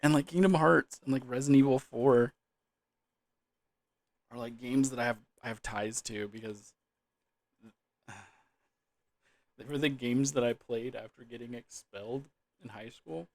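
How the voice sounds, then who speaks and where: A young adult male gaming vlogger rambles drunkenly and loosely about gaming in a gravelly, medium-pitched voice, unhurried with long pauses. He trails off, repeats words and swears casually. There's no echo.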